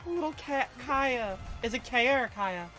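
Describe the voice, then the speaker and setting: Over faint background music, a woman livestreamer chats loosely with her audience, reading their messages aloud with plenty of slang and rambling. Her voice is high-pitched, animated, and a bit bright, she takes her time, and the audio is poor.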